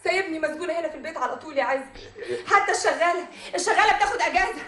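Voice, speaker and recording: An actress with an Egyptian accent playing a neglected, resentful wife who complains reproachfully in a stage comedy. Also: female voice, very high voice, very fast, fairly bright tone, echoey room.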